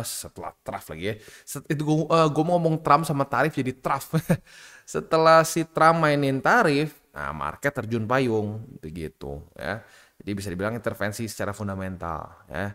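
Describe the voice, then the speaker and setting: A man from Indonesia, talking casually through market charts, lively and slangy, acting out other people in a higher voice. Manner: chatty, lively, acts out quoted people with jumps in pitch. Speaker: crypto market commentator.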